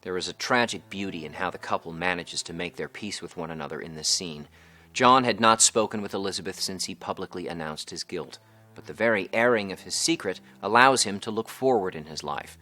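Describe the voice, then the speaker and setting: A man reading a scripted plot summary in a measured, evenly paced way, with faint music behind. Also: sits low, sharp tone. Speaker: narrator. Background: faint background music.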